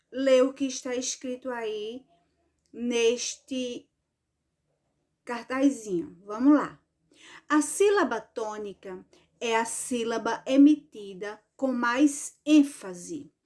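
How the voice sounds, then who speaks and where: A woman with a fairly high voice teaches children an online grammar lesson. She draws her words out in a sing-song way and keeps checking in with "right?".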